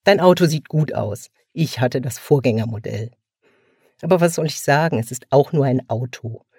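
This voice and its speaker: A man's voice: mid-range voice, normal speed, a little mellow, husky, no room sound, studio quality. A man reading aloud voices a brusque, defensive younger brother who dodges questions. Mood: curt. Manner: brusque, evasive.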